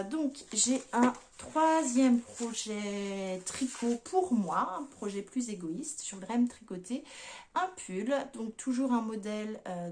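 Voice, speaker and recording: A woman's voice: medium pitch, a little mellow, slight background noise. A woman, chatting casually as a podcast host, with many fillers. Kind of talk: casual chat.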